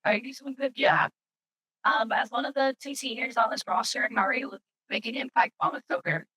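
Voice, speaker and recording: A woman acting as interviewer, putting questions to players in a brisk, to-the-point way. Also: on the high side, bright, forceful tone, breathy edge, low-quality recording.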